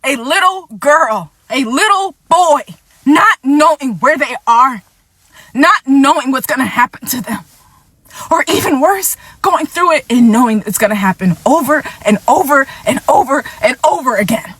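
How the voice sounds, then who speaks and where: A woman's voice: high-pitched, expressive, normal speed, fairly bright tone, breathy edge, dry recording. A woman hosting a vlog, delivering impassioned commentary in a blunt, angry, profane way, repeating points for emphasis and fighting back tears. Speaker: vlog host.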